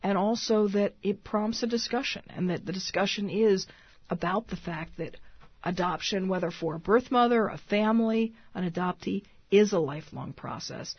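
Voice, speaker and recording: A woman's voice: mid-range voice, moderate pace, slightly rough, no echo. A woman author answering questions in a radio interview, thoughtful and full of restarts. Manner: thoughtful, many restarts and fillers. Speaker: author guest. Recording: dull lo-fi radio sound.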